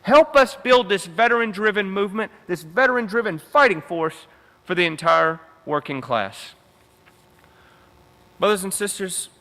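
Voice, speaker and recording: Man, fired-up convention speaker, bright forceful tone, reverberant hall, punchy repeated phrases. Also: on the high side. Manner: emphatic, repetitive rallying cadence. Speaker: union veterans council director. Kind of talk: convention rally speech.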